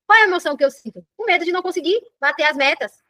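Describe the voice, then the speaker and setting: A middle-aged Brazilian woman coaching a class, talking very quickly in a high voice. She keeps checking in with her listeners, and her voice sounds dry and close. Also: no room sound. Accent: Brazilian Portuguese. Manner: animated, keeps checking in with "entendeu?". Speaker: personal development coach. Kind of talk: live online class talk.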